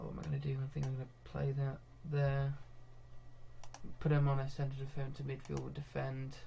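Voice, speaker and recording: A young man commentating live on his own football management game, getting excitable when goals come and laughing at himself. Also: mid-range voice, vocal fry, slight background noise. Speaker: gaming video host.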